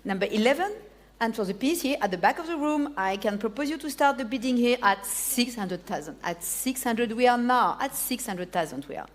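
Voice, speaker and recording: A woman with a high voice and a French accent runs a live auction. She calls the bids, repeats each figure and nudges bidders by name. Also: lively intonation, fairly quick. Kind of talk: live auction bid-calling.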